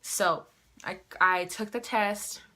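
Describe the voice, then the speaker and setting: A young adult woman vlogging, telling a personal story in a casual, animated way. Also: mid-range voice, slow pace. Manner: animated, acts out quoted dialogue.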